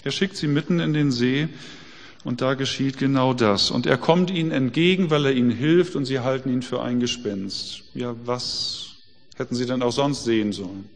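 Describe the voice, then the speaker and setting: A man's voice: medium pitch, moderate pace, big-room sound. A man preaching a sermon in a conversational way, full of rhetorical questions.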